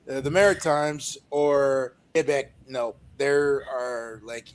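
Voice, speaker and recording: French canadian guy, french is his first language, really slow n hesitant, apologetic, searching for words, just chatting. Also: fairly high pitch. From French-speaking Ontario, Canada. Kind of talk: casual chat on a live call-in show.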